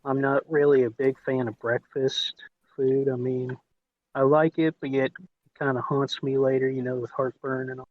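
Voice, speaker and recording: A man's voice: mid-range voice, level tone, normal speed. Man with hillbilly twang, lo-fi sound. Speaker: podcast co-host. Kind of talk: casual chat. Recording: dull, lo-fi voice line.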